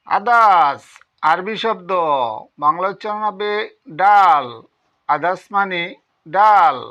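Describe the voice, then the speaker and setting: A man teaching vocabulary with slow, repetitive word-by-word drilling. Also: high voice, bright, forceful tone, dull audio. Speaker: language teacher. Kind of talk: vocabulary lesson.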